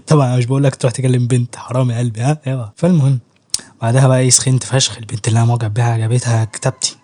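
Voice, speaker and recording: Fast-talking Egyptian young man joking. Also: medium pitch, steady tone, mellow. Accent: Egyptian Arabic. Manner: rapid, joking street slang, laughs often. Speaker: YouTuber giving writing advice. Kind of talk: casual chat to camera.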